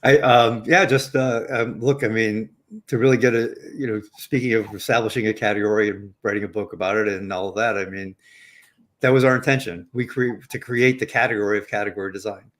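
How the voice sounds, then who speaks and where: A man with a fairly low voice, taking part as a guest author in an online interview. He speaks haltingly, with restarts, and laughs easily. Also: steady tone, a bit bright. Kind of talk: casual interview talk.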